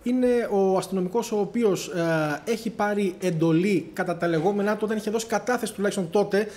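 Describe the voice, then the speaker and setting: A man working as a reporter, explaining his investigation in a measured, explanatory way. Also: high voice, darkish tone.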